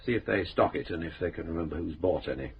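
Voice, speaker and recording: An actor playing a calm, thoughtful police inspector in a radio crime drama. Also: male voice, sits low, creaky. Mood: pondering. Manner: measured and dry. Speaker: detective inspector. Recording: slightly dull radio recording, faint hiss.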